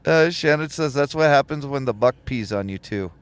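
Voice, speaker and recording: A man's voice: medium pitch, animated, moderate pace, clear, resonant tone. A man hosting a casual livestream, chatty and laughing often as he reads viewer comments aloud. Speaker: livestream host and truck driver trainer.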